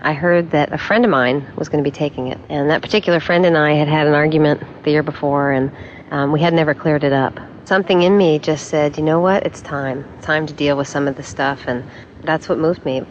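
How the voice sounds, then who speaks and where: Deep-voiced woman from Montana. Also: fairly even intonation, brisk, highs cut off, a little hiss or hum. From Montana, USA. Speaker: course graduate. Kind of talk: testimonial interview.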